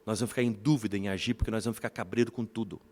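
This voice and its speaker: A man from Brazil preaching a sermon as bishop, animated, often calling the congregation brothers and telling family stories. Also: lowish voice, racing. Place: church. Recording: reverberant church hall.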